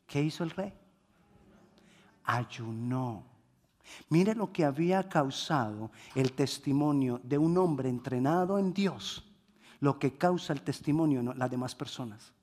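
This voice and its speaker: A male preacher delivering a sermon, swinging between quiet reflection and loud emphasis. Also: medium pitch, a little slow.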